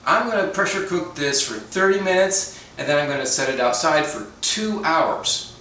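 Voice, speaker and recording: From his home kitchen, a man runs his cooking channel in a relaxed, chatty way, full of dry self-deprecating humor and asides. His voice is on the high side, bright and pushed, with lively intonation and a moderate pace. The room is very echoey, the mic distant, and there's faint noise.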